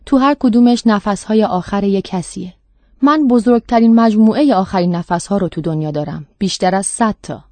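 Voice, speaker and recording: A woman voicing a creepy, courteous older male doctor who collects last breaths, speaking smoothly and calmly in a storybook reading. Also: medium pitch, no room sound, natural voice. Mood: polite, eerie.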